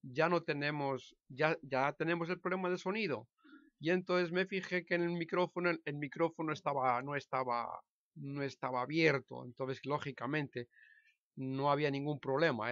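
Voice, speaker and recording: A man's voice: on the high side, fairly bright tone, no echo, dull audio. Hesitant Spanish man in his sixties. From Spain. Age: 60s. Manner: hesitant, halting, with frequent restarts and self-corrections. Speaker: vlogger telling his life story. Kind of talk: casual personal monologue to camera.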